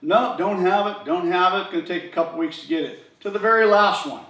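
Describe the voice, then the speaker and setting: A man's voice: sits high, fairly quick, a bit bright. A man hosting his garage channel, casually telling a story to camera and acting out the other people's lines in quoted voices. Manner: chatty, acts out dialogue in quoted voices. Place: garage workshop. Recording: echoey room, from a distance.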